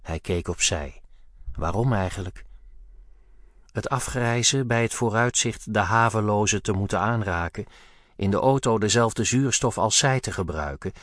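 Low-voiced man narrating a dark story. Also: normal speed, dry recording, studio quality. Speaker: audiobook narrator. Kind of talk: scripted narration.

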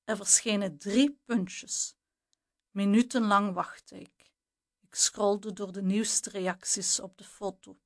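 A woman reading a youth novel aloud as narrator, in a measured, deliberate storytelling manner. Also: medium pitch, steady tone.

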